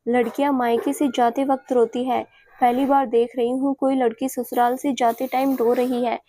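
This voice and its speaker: A woman's voice: on the high side, little pitch movement, normal speed, mellow, lightly acted. A woman voicing a kind, middle-aged mother-in-law who speaks soothingly to her daughter-in-law in an audio story. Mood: affectionate.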